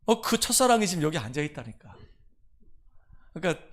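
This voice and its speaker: A man in middle age delivers a Sunday sermon with a fairly high voice. His preaching is animated: he rises to loud, pleading peaks and then drops to soft, confiding lines. He plays out the dialogue of the people he talks about. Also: a little fast. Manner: animated preaching, swinging from loud pleading to hushed intimate tones; acts out quoted voices in dialogue. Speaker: pastor. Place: church sanctuary.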